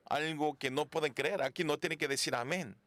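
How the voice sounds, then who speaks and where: A man preaching a sermon from a church pulpit, his voice sitting a little high for a man. His first language is Korean, and he talks haltingly, restarting and repeating phrases as he goes. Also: a bit bright. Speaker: pastor.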